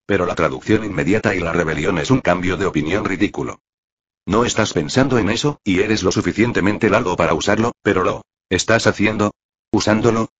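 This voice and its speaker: A man reading a translated web novel aloud in a flat, machine-like way. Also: low voice, slightly rough. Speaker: narrator. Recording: dull lo-fi audio.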